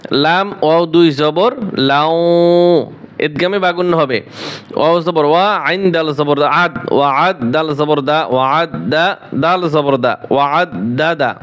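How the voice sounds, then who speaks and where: A man teaching Quran recitation. He explains the rules briskly and spells words out letter by letter. He chants the verses slowly, drawing out the sounds. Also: on the high side, fairly bright tone.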